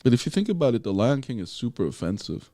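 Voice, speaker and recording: A man co-hosting a movie review podcast, with a lively voice that swings widely in pitch. He speaks bluntly and swears without holding back, at a mid-range pitch. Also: quick pace. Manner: blunt and animated, swears freely. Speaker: podcast co-host. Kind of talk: casual movie review chat.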